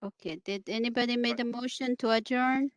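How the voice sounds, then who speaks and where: A woman's voice: fairly high pitch, steady tone, a little fast, dry recording. A woman chairing a committee meeting on a conference call in a semi-formal way.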